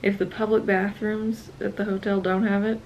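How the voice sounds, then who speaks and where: A woman's voice: mid-range voice, level tone, moderate pace, darkish tone, lo-fi sound, a little hiss or hum. A young woman in her twenties chatting casually on a travel vlog, tired and a little playful, trailing off into laughs. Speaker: travel vlogger. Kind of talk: casual chat.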